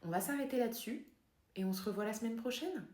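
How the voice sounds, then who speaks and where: A woman playing a calm, dry female psychotherapist in a comedy sketch, speaking softly and deadpan. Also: on the high side, roomy sound, natural voice. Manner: soft-spoken, measured, deadpan.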